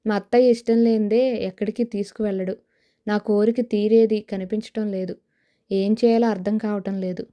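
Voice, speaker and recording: A woman's voice: medium pitch, steady tone, moderate pace, lo-fi sound, natural voice. A woman voicing a wistful young village woman who dreams of film stardom, in an audio novel. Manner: wistful, sighing.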